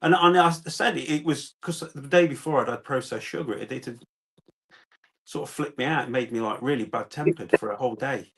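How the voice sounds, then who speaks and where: A man's voice: medium pitch, a little fast. A man chatting casually on a live stream, restarting his words often as he tells stories. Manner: stammers on restarts, animated storytelling.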